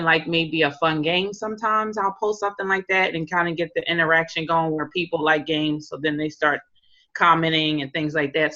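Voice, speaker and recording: A woman in direct sales talks casually on a group call and fills her sentences with likes and ums. Her voice is on the low side but bright and forward. The audio is dull and lo-fi. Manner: rambling, many fillers like "like" and "um". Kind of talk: casual call sharing tips.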